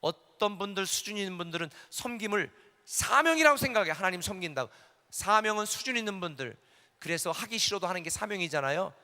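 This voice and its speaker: A middle-aged male pastor preaching a sermon, moving between quiet confessional testimony and loud, fervent declarations. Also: sits high, animated, fairly quick. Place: large hall at a conference. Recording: echoey hall with long reverb.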